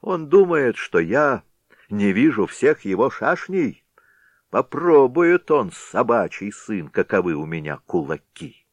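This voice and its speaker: A man voicing a gruff middle-aged village head who threatens and shouts at the village lads. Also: mid-range voice, animated, unhurried, hardly any pauses, no room sound, voice pushed up. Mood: menacing.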